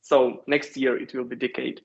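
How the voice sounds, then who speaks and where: A man in his thirties from Ukraine with a Ukrainian accent, a company founder giving measured interview answers with frequent hesitations. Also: mid-range voice, little pitch movement, vocal fry. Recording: dull lo-fi sound.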